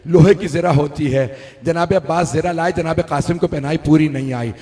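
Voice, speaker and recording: A man giving a mourning sermon at a religious gathering. He tells the story slowly, then breaks into loud, sung and shouted lament. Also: on the high side. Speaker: Shia majlis speaker. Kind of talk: mourning sermon, rising to wailing chant. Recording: hall with long reverb.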